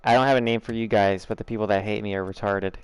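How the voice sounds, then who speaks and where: A young American man with a General American accent chats loosely and laughs while streaming a game and talking to his chat. His voice is fairly low with a clean tone, on a dry recording.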